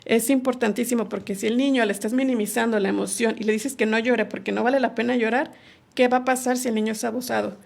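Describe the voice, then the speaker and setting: Gravelly-voiced woman explaining patiently. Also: fairly high pitch, steady tone, fast talker. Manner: explains patiently, acting out little quoted dialogues. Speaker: podcast guest on sexual education. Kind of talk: casual explanatory conversation.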